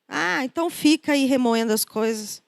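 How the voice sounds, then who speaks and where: A woman's voice: high-pitched, moderate pace, gravelly, no echo. A middle-aged woman with a Brazilian Portuguese accent, preaching a conversational sermon and acting out the people she quotes. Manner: conversational, acts out quoted voices. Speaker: preacher and counselor.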